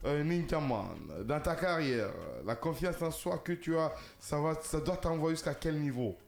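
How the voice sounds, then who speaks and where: A man's voice: fairly high pitch, expressive, measured pace, vocal fry. A man hosting a studio talk show, interviewing a guest in a jovial way with many hesitant fillers. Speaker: TV show host.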